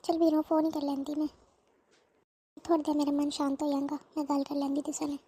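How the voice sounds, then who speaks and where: Anxious older mother-in-law, voiced by a woman, fretful and rambling; high and mellow. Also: flat delivery, fairly quick, lightly acted. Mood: fretting. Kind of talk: cartoon voice acting.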